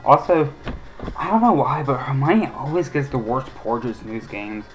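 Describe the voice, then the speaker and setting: A man of middle pitch chatting casually over gameplay in rambling, opinionated asides. He stalls often on fillers before finishing a thought. Faint game music sits quietly under his voice. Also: normal speed, rough recording. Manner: rambling, opinionated, frequent hesitations. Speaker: let's play host.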